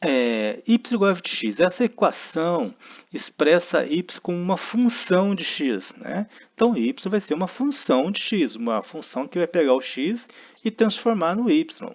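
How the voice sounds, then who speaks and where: A man's voice: high-pitched, very animated, moderate pace. A man with a Brazilian Portuguese accent teaching a math lesson, explaining step by step and often checking in with his listeners. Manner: explanatory, frequent tag questions, thinking aloud. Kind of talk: recorded lecture. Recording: dull lo-fi recording.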